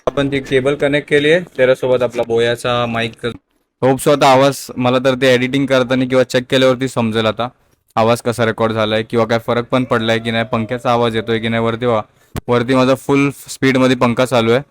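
A young man narrates his family vlog in a relaxed, chatty way, speaking to viewers as friends. His voice sits at an ordinary middle pitch on a small clip-on mic. The home recording carries clear background noise. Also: brisk. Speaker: vlogger. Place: home, indoors with ceiling fan. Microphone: small clip-on mic, also phone.

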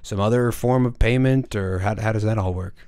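Male podcast host, deadpan and hesitant, dry sound. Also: lowish voice, fairly quick, dry recording. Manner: deadpan, hesitant with many fillers. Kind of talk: mock-serious comedy interview. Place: studio.

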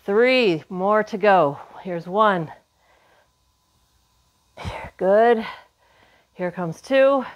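A woman's voice: medium pitch, expressive, drawn-out words, long pauses. A woman in her forties coaching exercise, counting workout reps in short, encouraging cues while exerting herself. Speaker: fitness instructor. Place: indoor home workout room.

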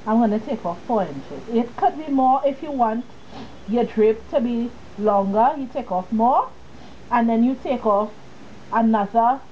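Sniffling through a cold, a sewing tutorial host walks viewers through a project in a casual, chatty way, addressing them directly. Her fairly high voice has a dark tone, and the audio is dull with slight background noise.

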